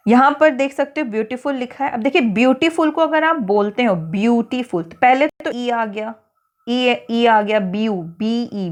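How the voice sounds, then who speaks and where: Indian woman teaching English grammar patiently. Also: fairly high pitch. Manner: patient, spells words out letter by letter. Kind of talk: worksheet lesson for schoolchildren.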